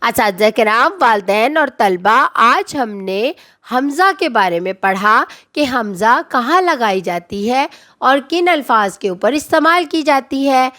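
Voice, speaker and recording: A woman teaching a children's reading lesson, asking questions, answering them herself and drawing words out slowly. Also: a little high, animated, bright, forceful tone. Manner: slow, drawn-out call-and-response prompting.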